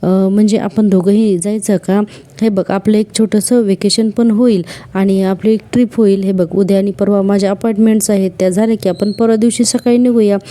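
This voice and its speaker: A woman's voice: mid-range voice, steady tone, fairly quick, dark tone, close to an everyday voice. A woman voicing a caring young male doctor who talks kindly to his wife, without changing her own voice much. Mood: affectionate.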